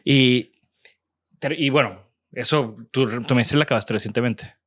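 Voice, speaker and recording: A podcast host and professor in his thirties with a Mexican accent runs a casual interview, his mid-range voice a bit bright and at normal speed. He's hesitant, restarts sentences often, and uses casual slang.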